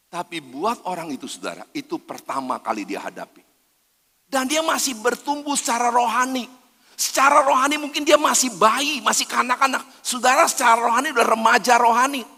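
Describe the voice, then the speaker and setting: Lively high-voiced preacher in an echoing hall. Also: male voice, brisk. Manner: emphatic preaching, constantly addressing listeners as brothers and sisters. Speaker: pastor. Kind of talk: sermon. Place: church hall. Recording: long church hall reverb.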